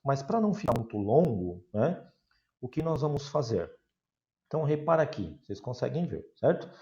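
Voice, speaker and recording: A man with a Brazilian Portuguese accent teaching an online English lesson, speaking slowly and deliberately and repeating words for pronunciation. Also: mid-range voice, very animated, mellow, lo-fi sound.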